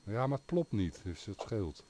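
A man's voice: fairly low pitch, sing-song, normal speed, mellow. A man hosting a radio call-in show, chatting casually about his equipment with fillers. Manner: chatty, talks gear at length with fillers. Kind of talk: casual on-air chat.

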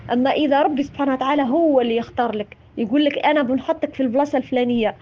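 A woman's voice: high voice, racing, muffled recording, slight background noise. A woman with a Tunisian accent giving an informal religious talk, impassioned and scolding, often repeating her words. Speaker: religious speaker.

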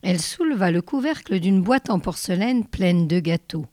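A woman reading a short story aloud in a measured narrating voice with careful pauses. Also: lowish voice, animated, a little mellow, no echo, studio quality. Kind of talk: read-aloud literary narration.

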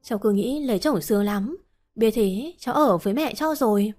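A woman voicing a meek, polite young pregnant wife who asks gentle questions, over faint music. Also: a little high, lively intonation, normal speed. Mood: plaintive.

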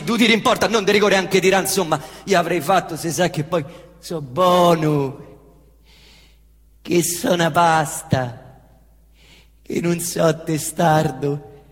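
On stage, a middle-aged man performs a theatrical monologue in Roman dialect, swinging from hushed mutters to loud, excited outbursts while imitating engine noises. His voice is a little high, and the sound has a big-room quality.

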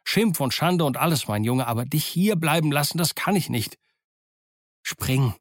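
A man reads a grave middle-aged doctor in a storybook, concerned and firm, at a middling pitch. The sound is close and dry. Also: steady tone, normal speed, no echo, close to an everyday voice. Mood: urgent. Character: kindly, stern middle-aged male doctor. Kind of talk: audiobook character voice.

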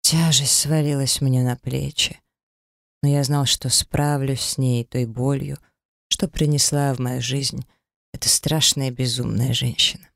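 A man narrating a first-person audiobook story in a cold, flat, detached manner. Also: medium pitch, a little slow, gravelly, dry recording, clean studio sound.

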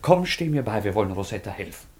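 An actor playing an impulsive young nobleman in a radio drama, speaking low, earnest and quietly intense. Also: big pitch swings, fast, slightly rough. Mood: defiant. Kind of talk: studio radio drama acting.

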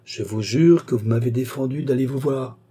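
A man's voice: medium pitch, normal speed, dark tone, husky, lightly acted. A man reading an audiobook, voicing an earnest young man who speaks firmly and respectfully to his older cousin. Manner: earnest, firm.

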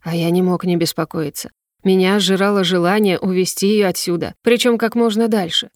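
Lady reading a fantasy-ish story aloud, wry and lively, dead dry studio sound. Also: on the low side, brisk, no room sound. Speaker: audiobook reader. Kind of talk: scripted first-person narration.

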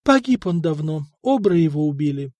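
A worn old peasant widow who mumbles and begs through her sobs, as a man acts her out in a storybook reading. She speaks high and strained in a close, dry sound. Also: big pitch swings, normal speed, darkish tone, dry recording. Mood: wary. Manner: mumbling, pleading, sobbing. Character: old widowed peasant woman, frightened then tearful.

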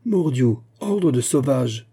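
A man's voice: mid-range voice, monotone, normal speed, warm tone, husky, close to an everyday voice. A man voicing an indignant veteran musketeer captain who hammers his words and swears. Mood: furious indignation.

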